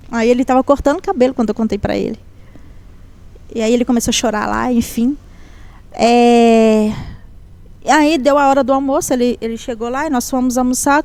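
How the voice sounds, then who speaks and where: A woman giving a heartfelt personal testimony in a conversation, telling her story in a lively way and acting out the dialogue. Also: a little high.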